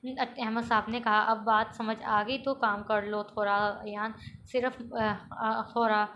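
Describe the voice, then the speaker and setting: On a lo-fi recording with a little hiss or hum, a woman with a voice on the high side reads a romantic novel at a measured pace. Her tone stays level, and she reads each character in her own mostly plain voice, with small stumbles and restarts.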